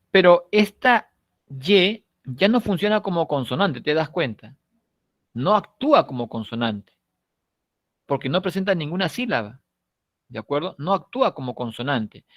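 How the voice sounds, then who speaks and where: A man with a Peruvian Spanish accent teaching a recorded online class, explaining step by step, slowing down on key words, trailing off softly at the ends of phrases and checking in with frequent tag questions. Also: a little high, no echo.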